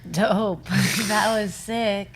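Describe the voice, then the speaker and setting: A woman's voice: mid-range voice, fairly even intonation, extremely slow, gravelly, a little hiss or hum. A woman co-hosting a casual podcast, laid-back and amused, with lots of "like" in her talk. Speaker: podcast co-host. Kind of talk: casual chat.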